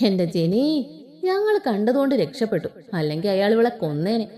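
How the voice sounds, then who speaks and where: A woman's voice: medium pitch, sing-song, normal speed, mellow, lightly acted. A woman voicing a young college friend who exaggerates a tense scene. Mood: dramatic.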